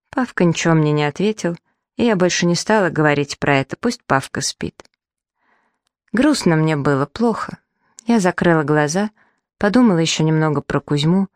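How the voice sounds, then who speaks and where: A woman narrating a children's audiobook in the first person, lively and acting out the dialogue. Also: sits low, no room sound, studio quality. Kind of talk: children's story reading.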